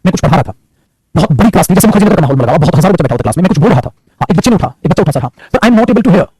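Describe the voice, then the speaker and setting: A high-voiced male teacher talks fast and swoops up and down as he lectures. His voice is a bit husky and sits close and dry on the mic. He teases and scolds his students as he goes. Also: lively intonation, darkish tone, dry recording, soft background music, rough recording. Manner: scolding, teasing, calls students beta. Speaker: English grammar teacher. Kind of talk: classroom lecture in Hindi mixed with English.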